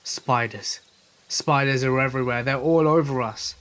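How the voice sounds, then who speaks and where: A man voicing a young male camper who shouts out in the night. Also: mid-range voice, normal speed, lightly acted. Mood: shouting. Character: panicked young man camping, later eerily calm.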